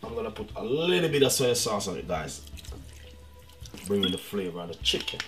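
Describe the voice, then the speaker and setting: A man's voice: lowish voice, very animated, fairly quick. A middle-aged man from Jamaica with a Jamaican accent, chatting casually as he demonstrates a recipe on his cooking channel and often calling out to his viewers. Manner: chatty, repeats "guys" and "you know what I mean".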